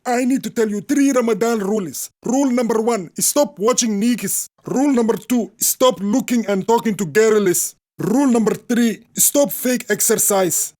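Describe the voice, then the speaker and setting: A man's voice: extremely high pitch, normal speed, hardly any pauses, a little mellow. A man with a Somali accent playing a cheeky young boy who talks back in a comedy skit. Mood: smug. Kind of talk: comedy skit dialogue in mixed Somali and English.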